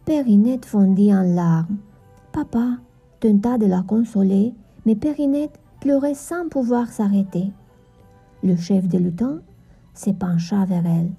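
A woman narrating a children's Christmas story in a gentle storytelling manner. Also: mid-range voice, unhurried, gravelly, slightly rough, soft background music.

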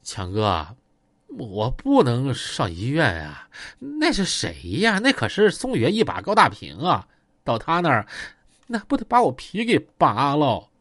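A man's voice: mid-range voice, huge pitch swings, unhurried, fairly bright tone, no echo, clean studio sound, heavily acted. A man doing a deferential Northeastern ex-con. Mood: pleading. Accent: Northeastern Chinese. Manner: pleading, deferential.

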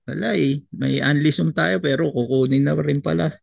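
A man's voice: on the high side, steady tone, moderate pace, creaky, dry recording, dull audio. A Filipino man co-hosting a casual chat podcast, teasing his partner in easy banter. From Philippines. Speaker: podcast co-host. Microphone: video call.

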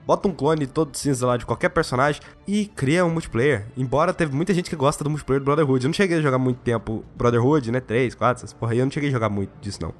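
Fast-talking blunt Brazilian man. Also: mid-range voice. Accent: Brazilian Portuguese. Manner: blunt, opinionated, swears freely. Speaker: game reviewer. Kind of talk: casual game review monologue. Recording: faint music behind the voice.

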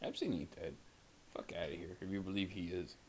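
A man's voice: deep voice, animated, a little fast, breathy edge. A man co-hosting a casual podcast, talking in a rambling, profane way and swearing constantly. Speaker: podcast co-host. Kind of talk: casual chat.

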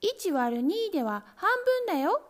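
Clever, greedy little kittens shout in a very high, shrill, quick chorus, as a woman reader puts them on. Their voices bounce up and down in a storybook style. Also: big pitch swings. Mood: gleeful. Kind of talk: storybook reading.

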